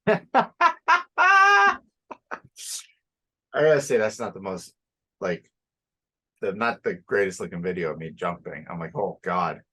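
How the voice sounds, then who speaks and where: A man's voice: low voice, normal speed, husky. A young man co-hosting a podcast in casual, profane chat, sounding sleepy and yawning now and then. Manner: loose and profane, laughing and yawning. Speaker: podcast co-host.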